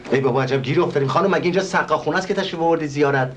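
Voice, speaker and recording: A man's voice: fairly high pitch, a little hiss or hum, natural voice. An actor playing a flustered, overly polite male organizer in a stage comedy, talking formally and stammering as he tries to placate a visitor. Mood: placating.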